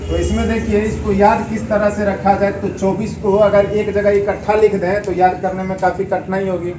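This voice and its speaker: A man's voice: high voice, little pitch movement, moderate pace, noisy background. A male teacher giving a grammar lesson, asking his class questions, answering them himself, and spelling out words letter by letter. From India. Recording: echoey room, picked up from a distance, slightly dull.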